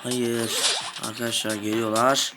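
A young man giving excitable live commentary over his own gameplay, shouting at goals and groaning at misses. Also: medium pitch, unhurried. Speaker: gaming video host. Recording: game music playing behind.

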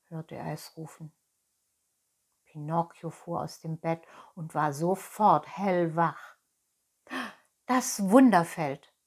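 A woman reading a children's book aloud, calm and expressive, with brief asides to her listeners. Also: on the low side, breathy edge. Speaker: storyteller, children's story host.

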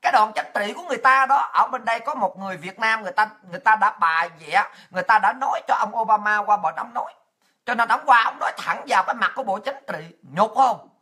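A woman's voice: a little high, fast, pushed and bright, husky. A woman with a Southern Vietnamese accent giving an angry, profane political rant. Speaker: political commentator.

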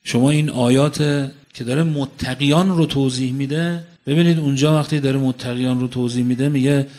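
A man's voice: medium pitch, fairly even intonation, darkish tone. Male preacher, medium voice, fervent sermon delivery, recites Arabic passages then explains, emphatic repetition. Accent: Iranian Persian. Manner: storytelling, quoting Arabic verses then explaining them; repeats phrases for emphasis, rising to fervent peaks. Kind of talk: religious sermon.

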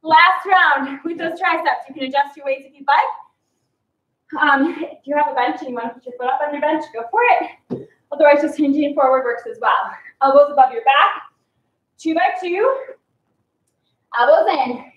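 A woman's voice: sits high, normal speed, long pauses. A young woman working as an aerobics instructor, calling out clipped, encouraging counts and cues while she exercises. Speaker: fitness instructor. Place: small concrete-walled basement home gym. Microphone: far camera across the room. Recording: roomy, distant, slightly dull camera sound.

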